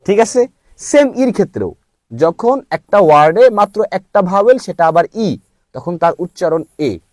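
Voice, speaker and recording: A man teaching English pronunciation, spelling out letters slowly before saying each word. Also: high-pitched, sing-song, a little mellow, no room sound, clean studio sound. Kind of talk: slow spelled-out phonics lesson.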